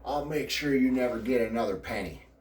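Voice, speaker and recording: A man putting on a high voice to mimic an aunt scolding him. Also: fairly quick, darkish tone, slight background noise, close to an everyday voice. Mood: accusing. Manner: high-pitched accusing mimicry. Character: resentful aunt, woman, scolding. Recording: roomy sound, distant from mic.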